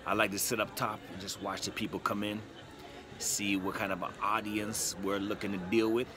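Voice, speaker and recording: The background is noisy as a comedian in his thirties films himself on a cruise ship, phone held at arm's length, moving between cabin and theater. Fairly low in pitch and at a moderate pace, he jokes in a relaxed, self-deprecating, chatty manner.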